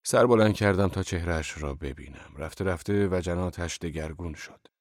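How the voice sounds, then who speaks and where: A man narrating a literary audiobook in a measured way. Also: sits low, dry recording, studio quality.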